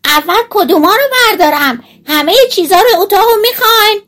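A woman voicing a tiny, bold boy who shouts in a piercing, cheeky way. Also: very high-pitched, expressive, voice pushed up. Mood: loud cheeky.

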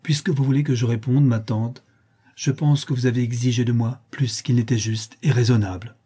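A man's voice: medium pitch, steady tone, breathy edge, natural voice. A man reading an audiobook and voicing a proud, earnest young noblewoman who answers steadily and defiantly. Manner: earnest, measured, quietly defiant.

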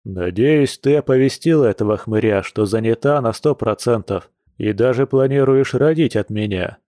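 A man's voice: on the low side, expressive, a little slow, dark tone, dry recording, clean studio sound. A man voicing a bewildered grown man who talks in a blunt, indignant way.

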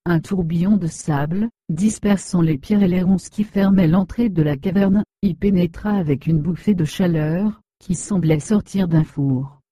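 A woman narrating a children's storybook in a steady, measured reading. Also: lowish voice, dry recording.

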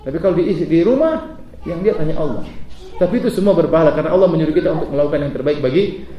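A middle-aged man preaching a sermon to a live audience, lively and humorous, often asking the crowd questions. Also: fairly high pitch, rapid-fire, highs cut off, a little hiss or hum. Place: lecture hall with audience. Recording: echoey hall, mic at a distance.

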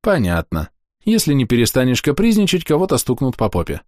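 A man's voice: mid-range voice, huge pitch swings, brisk, darkish tone, no room sound, clean studio sound, pitched above the performer's own voice. A man reading an audiobook and voicing a stern, grumpy young man. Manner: stern, threatening.

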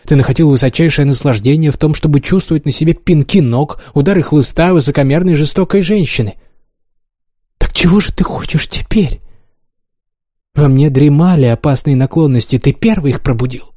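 A man's voice: fairly high pitch, fairly quick, dark tone, dry recording, clean studio sound, close to an everyday voice. A man voicing an imperious, cruel young noblewoman who mocks and commands coldly in an audiobook reading. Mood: scornful. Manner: taunting, haughty, coolly commanding.

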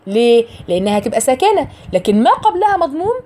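A woman with an Egyptian accent leads a recitation lesson in a fairly high, mellow voice. She chants slowly and stretches each syllable, then drops into relaxed, chatty teaching and repeats model sounds for her students to copy. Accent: Egyptian Arabic. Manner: slow drawn-out chanting alternating with chatty explanation. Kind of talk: online recitation lesson for women.

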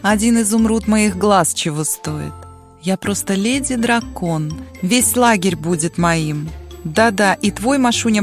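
A woman's voice: mid-range voice, close to an everyday voice. A woman voicing a brash, bossy girl turned into a dragon, mocking and domineering.

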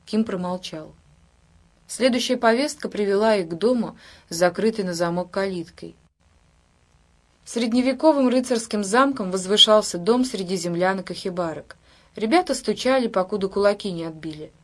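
A woman with a mid-range voice reads an audiobook, narrating the scripted text in a measured, even storytelling manner.

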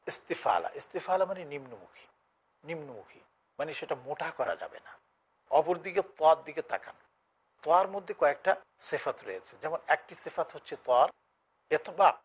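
A man gives a recitation lesson in a somewhat raised voice. He explains patiently and questions himself before answering. Arabic sounds come out slow and deliberate as demonstrations. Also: fairly high pitch, breathy edge. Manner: explains step by step, asks and answers own questions. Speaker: Islamic scholar teaching Quran recitation. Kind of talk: lecture on tajweed.

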